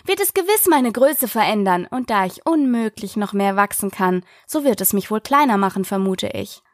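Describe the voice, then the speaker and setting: A woman's voice: medium pitch, lively intonation, moderate pace, no echo, clean studio sound, lightly acted. A woman reading aloud and voicing a curious, polite young girl who thinks aloud. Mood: musing. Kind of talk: audiobook character voice.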